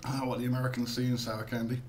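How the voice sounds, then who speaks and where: A man's voice: medium pitch, flat delivery, rapid-fire, noisy background. A British man in a casual taste-test vlog, eating sour candy and talking through winces and groans. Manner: talks with sour candy in his mouth, wincing and groaning. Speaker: taste tester presenting to viewers.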